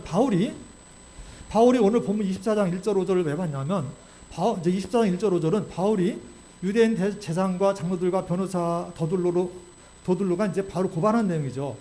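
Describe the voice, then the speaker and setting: A male pastor delivers a sermon at a brisk clip, his voice sitting high yet mellow in tone. He talks in an animated way and keeps throwing rhetorical questions to the congregation. A faint hiss runs under his voice. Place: church sanctuary.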